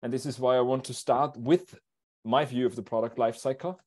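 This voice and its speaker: A man presenting a technical talk at an online seminar in a steady, explanatory way, over a video call. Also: medium pitch, a little fast. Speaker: invited speaker.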